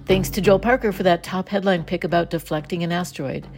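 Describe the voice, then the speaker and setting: A woman's voice: lowish voice, fast talker, loud music behind the voice. An American woman hosting a science show, reading scripted news narration. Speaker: science show host and volunteer reporter.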